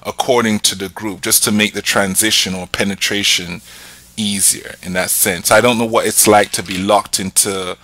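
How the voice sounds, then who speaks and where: The recording quality is low here, capturing a podcast host from England with a London accent whose voice sits on the lower side at a moderate pace. He chats casually, telling animated stories and playfully trying on different accents.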